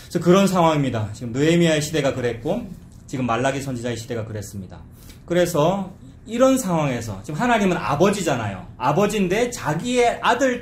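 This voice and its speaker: In an echoey church sanctuary with faint ambience, a pastor with a somewhat high voice and a little hiss or hum gives an expository sermon. He talks conversationally, puts questions to the congregation, and mocks quoted complaints by acting them out in a dialect voice.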